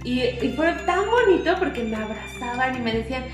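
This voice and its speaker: Animated young Mexican woman, echoey room. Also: high-pitched, a little fast, faint music behind. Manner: emotional, animated storyteller who acts out quotes. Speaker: preschool teacher, guest. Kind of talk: casual interview storytelling.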